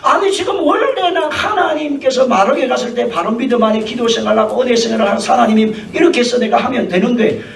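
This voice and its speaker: A man's voice: extremely high pitch, fast talker, vocal fry, hardly any pauses, far from the mic. A male pastor preaching a dramatic sermon in a church sanctuary, often asking questions of the congregation. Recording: echoey church hall, mic from afar.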